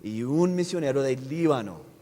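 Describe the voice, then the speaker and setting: A man giving a sermon testimony as a visiting missionary speaker. He speaks haltingly, restarts his words often and keeps checking with the audience. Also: mid-range voice, expressive, mellow. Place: church sanctuary. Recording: long echo of a large church hall.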